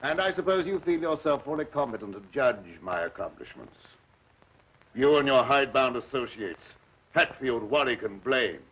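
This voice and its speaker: An actor playing a grandiose, resentful mad scientist in an old horror film, speaking formally and theatrically with menacing politeness. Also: male voice, mid-range voice, sing-song, moderate pace, slight background noise, natural voice. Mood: scornful, menacing. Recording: muffled old film soundtrack.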